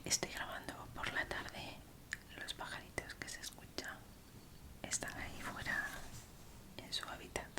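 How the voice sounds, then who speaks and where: Reading true crime aloud, this woman from Spain delivers ASMR in an unvoiced, breath-heavy whisper. Her pacing is calm and unhurried, her volume soft, and her phrases short, all with a Spanish accent.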